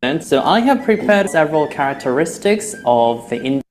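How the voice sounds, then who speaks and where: A woman's voice: low voice, animated, moderate pace, noisy background. A woman leading a pronunciation drill in a clip, playful, giving words for someone to repeat.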